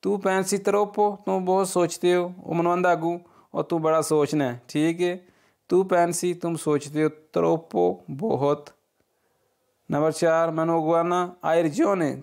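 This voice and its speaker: A man teaches in a relaxed, casual way. He reads each example phrase slowly and deliberately, then explains it word by word, in a clear, smooth voice pitched a little high. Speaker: language teacher. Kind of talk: casual spoken lesson.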